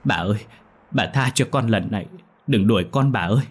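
A man's voice: fairly low pitch, a little fast, breathy edge. A man voicing a timid middle-aged woman cook who stammers and begs for mercy. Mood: begging. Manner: trembling, pleading, stammering.

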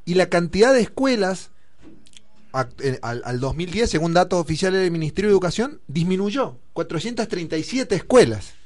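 A man's voice: sits high, sing-song, fairly quick, darkish tone. A man with an Argentine accent, explaining figures in a discussion program and thinking aloud with fillers. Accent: Argentine Spanish.

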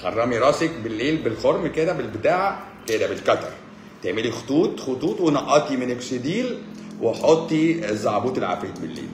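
A rapid-fire Egyptian man in his forties answers comments on a live stream with mocking sarcasm. He jumps from loud, exasperated bursts to low mutters. His voice rings around an echoey room. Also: very animated, noisy background. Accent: Egyptian Arabic. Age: 40s. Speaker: doctor hosting a live stream.

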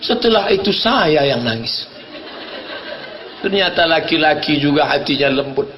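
High, bright-voiced preacher. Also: male voice, a little slow. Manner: animated storytelling, bursts into shouted punchlines. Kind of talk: humorous sermon.

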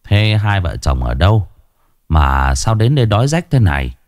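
A man voicing a middle-aged village ritual master, stern yet kind, speaking in a low, gruff tone. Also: big pitch swings, normal speed, a little mellow, no echo, clean studio sound. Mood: gentle firm.

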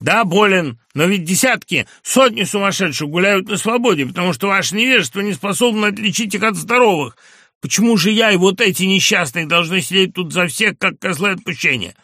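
Furious young madman, shrill ranting voice, gravelly edge, dry close sound, read by a man. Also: lively intonation, fairly quick, bright, forceful tone, dry recording, full character voice. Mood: indignant ranting. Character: young furious male asylum patient, shrieking accuser.

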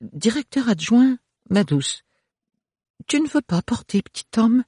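A man playing a mild young husband who tries to soothe, his voice lifted high and soft. It comes across husky and dry, with lively swings, in a storybook reading. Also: measured pace, dry recording, full character voice. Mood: placating. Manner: gentle, soothing.

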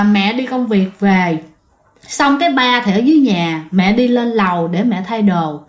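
A woman with a Southern Vietnamese accent tells a ghost story in a loose, conversational way, pausing to speak straight to her listeners. Her voice sits a little high. The recording has a noticeable roomy echo. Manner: chatty, often addresses listeners directly. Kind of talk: casual spoken storytelling.

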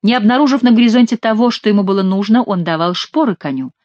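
A woman narrating an adventure audiobook, reading in a lively, expressive storytelling manner. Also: mid-range voice, quick pace, no echo, muffled recording. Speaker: audiobook reader.

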